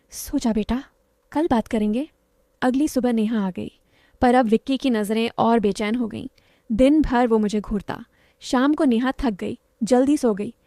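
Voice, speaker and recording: A middle-aged woman narrating a first-person story in a steady, even way. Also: on the high side, no room sound.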